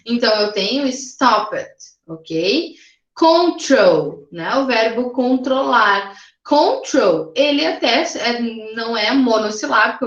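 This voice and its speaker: A woman's voice: on the high side, fairly bright tone, reverberant, dull audio. A woman teaching an English grammar lesson to her class, explaining patiently step by step and checking in with the students often. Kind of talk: recorded remote grammar lesson.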